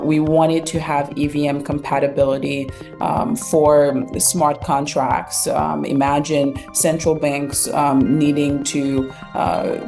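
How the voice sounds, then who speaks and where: Woman from Haiti, middle-aged, low-pitched, measured, frequent fillers, podcast guest. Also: mellow. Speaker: guest, fintech founder and CEO. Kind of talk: conversational interview answers.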